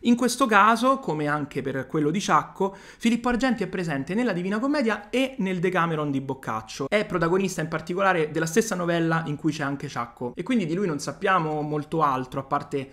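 Man, italian accent, teacher, reads verse then explains, slightly high voice. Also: lively intonation, a little fast, hardly any pauses, a bit bright. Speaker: literature teacher. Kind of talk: video lesson reading and paraphrasing verse.

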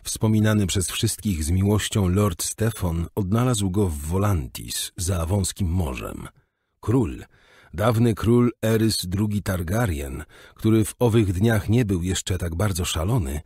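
A male audiobook narrator tells the story in an expressive way, his deep voice rising and falling a lot. There is a husky grain to it. The recording is close and dry, with no room sound. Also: no room sound. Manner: expressive storytelling with wide pitch. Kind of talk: scripted narration.

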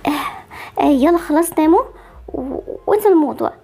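A woman's voice: sits high, expressive, brisk, creaky, dark tone, faint music behind. A woman voicing Barbie, an anxious, protective young mother with an Egyptian accent, fretful and soothing in an amateur game movie. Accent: Egyptian Arabic.

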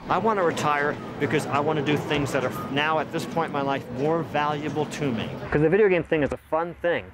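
A man speaking calmly and earnestly in a reflective documentary interview. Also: on the high side, a little fast, loud music behind the voice, low-quality recording.

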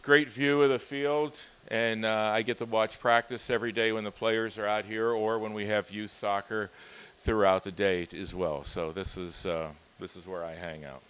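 A man's voice: fairly low pitch, level tone, moderate pace, fairly bright tone, clear, resonant tone. A middle-aged man from Pittsburgh, a team president, answering interview questions in an easygoing way with frequent fillers, into a handheld mic. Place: stadium offices and deck. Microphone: handheld mic held by interviewer.

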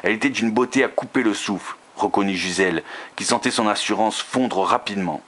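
A man reading a romance novel aloud, steady, with occasional slips and restarts. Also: lowish voice, a little fast.

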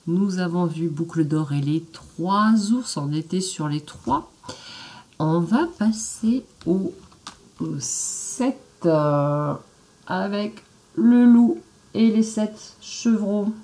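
Lively woman reading a fairy tale. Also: fairly low pitch, takes it slowly. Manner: lively, chatty asides to young listeners. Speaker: storyteller. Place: indoors at home, standing.

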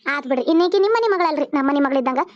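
Squeaky-high village women of a homemade cartoon, voiced by one woman, rattling along fast in a North Karnataka accent with polite dialect endings. The recording is dull and lo-fi. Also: lively intonation. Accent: North Karnataka Kannada. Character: village women, a bride and her kin. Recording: muffled lo-fi recording.

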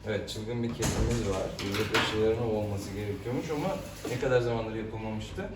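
A veterinarian with a lowish voice talks fairly quickly and soothingly to a cat while handling it in a clinic room, coaxing it casually. The recording is echoey, with a distant mic and loud background noise.

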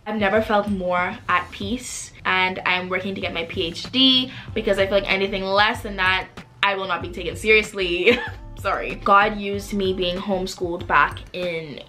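A young woman from the Bahamas, vlogging to camera from her bedroom in a casual, animated way. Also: medium pitch. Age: young adult. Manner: animated, expressive, gestures a lot while talking. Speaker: vlogger and singer-songwriter. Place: bedroom with desk and shelves, indoors.

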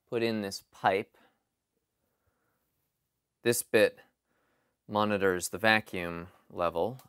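A man in his forties explains a basement project in a relaxed vlog, thinking aloud with frequent ums and restarts, recorded in a cluttered basement. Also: lowish voice, clear, resonant tone, no room sound, studio quality. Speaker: home improvement vlogger. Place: cluttered basement storage area.

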